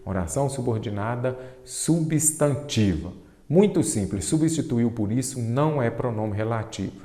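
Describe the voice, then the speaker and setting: A Brazilian man teaching Portuguese for an exam, asking his own questions and answering them, drawing out key terms slowly. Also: medium pitch, lively intonation, mellow, reverberant, in a large hall. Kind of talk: exam-prep lecture.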